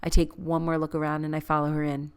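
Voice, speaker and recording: A woman reading a first-person novel aloud as an audiobook narrator, in a measured, gently expressive way. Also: sits low, smooth.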